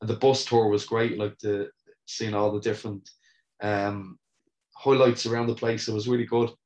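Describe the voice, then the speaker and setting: A man's voice: lowish voice, level tone, a little mellow. Friendly man podcast host, echoey room. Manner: friendly, halting, many fillers and "yeah"s. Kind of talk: casual interview.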